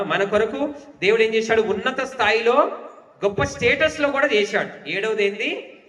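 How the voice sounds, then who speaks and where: A man's voice: sits high, bright, forceful tone. A man preaching a sermon as pastor, asking the congregation questions and urging them to clap. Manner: rhetorical questions, urging claps. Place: church hall. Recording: echoey hall, distant mic.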